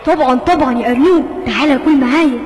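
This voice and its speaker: A woman voicing a friendly male dog in a lower, bluff voice, with an Egyptian accent. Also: rapid-fire, heavy background noise, lightly acted. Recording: echoey, voice set back.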